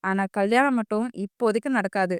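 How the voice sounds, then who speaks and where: A woman voicing a firm young man who scolds and then calmly reassures his girlfriend in an audiobook. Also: medium pitch, a little fast, clear, resonant tone, no echo, clean studio sound, close to an everyday voice. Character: stern young man, impatient then soothing lover. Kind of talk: audiobook character voice.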